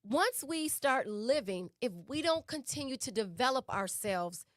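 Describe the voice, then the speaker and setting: A woman's voice: high-pitched, expressive, unhurried, no room sound, clean studio sound. A woman co-hosting a relationship talk show who speaks emphatically, repeats her key points and asks rhetorical questions. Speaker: relationship podcast co-host. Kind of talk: conversational teaching talk.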